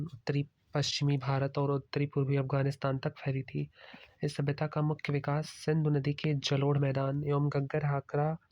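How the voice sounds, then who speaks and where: Flat-toned male art history teacher. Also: fairly high pitch. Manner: steady explanatory, mixing English terms into Hindi. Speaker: exam prep teacher. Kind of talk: slide-based lecture.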